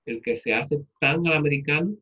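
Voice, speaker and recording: A brisk, somewhat high-pitched male voice comes through with the highs missing. With a Puerto Rican accent, he lectures a literature class informally, talking things through conversationally, pausing for rhetorical check-ins, and weaving in personal stories.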